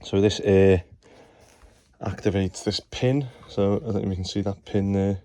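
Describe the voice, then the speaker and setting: A tradesman films his call-outs on a handheld phone, chatting through each step as he fixes plumbing and wiring and saying "obviously" a lot. His voice is low-pitched and warm, with a steady tone and normal speed. There's no echo.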